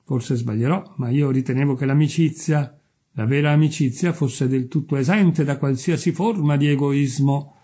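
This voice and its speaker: Guy reading as a smug preachy miller, dark husky voice, full of himself. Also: mid-range voice, moderate pace, natural voice. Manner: pompous and self-righteous. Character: selfish, smug miller, grown man.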